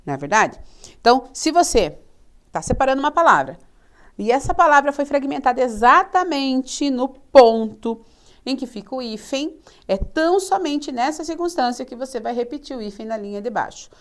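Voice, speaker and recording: A woman teaching a writing lesson, animated and playfully mimicking students. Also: high-pitched, moderate pace. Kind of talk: video lesson on writing rules.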